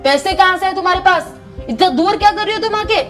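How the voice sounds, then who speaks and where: A woman's voice: very high-pitched, fast, faint music behind. A woman voicing a stern, angry father who scolds and questions his young daughter in a doll-story role-play. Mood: angry, scolding. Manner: shouting, scolding, interrogating.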